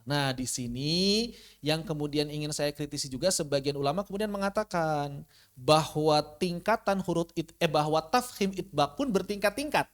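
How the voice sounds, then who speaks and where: A Quran recitation teacher giving an online tajwid lesson, asking rhetorical questions, answering them, and slowly sounding out Arabic letters as examples. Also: medium pitch. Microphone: online class recording.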